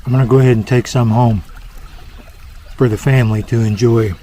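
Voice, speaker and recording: A man's voice: mid-range voice, fairly even intonation, moderate pace, mellow, slight background noise. Man giving mock-gourmet praise outdoors. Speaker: vlogger. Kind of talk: mock food-critic review. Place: outdoors by a lake on a day hike. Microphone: small handheld camera.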